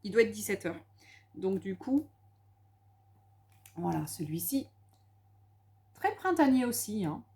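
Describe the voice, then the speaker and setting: At home, a French woman who vlogs about crafts talks through her new supply haul with eager, stumbling repetition. Her medium-pitched voice is slightly mellow and sing-song, and she speaks slowly, pausing often.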